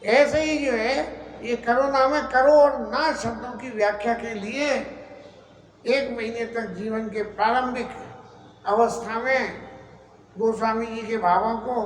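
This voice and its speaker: A middle-aged man giving a devotional scripture discourse, telling the story slowly and deliberately with long pauses. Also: high voice, a little hiss or hum. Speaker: Ram katha preacher. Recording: roomy echo with faint ambience.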